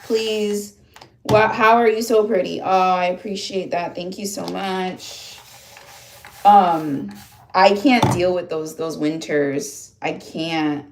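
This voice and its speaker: A woman in her thirties from upstate New York, USA, hosts a casual livestream, chatting with viewers in the comments and rambling with lots of fillers and restarts. Her voice sits on the low side, with a steady tone and a slow pace. The room is echoey, with slight background noise.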